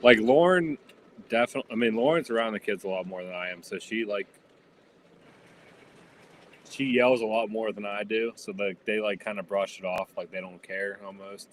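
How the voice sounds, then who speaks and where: A man's voice: fairly low pitch, moderate pace, slight background noise. A man talking casually, rambling with lots of fillers. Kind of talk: casual chat.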